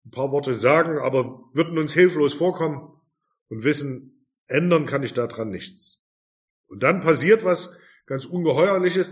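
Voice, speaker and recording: A man preaching a sermon, earnest and emphatic, with rhetorical questions. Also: medium pitch. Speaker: pastor.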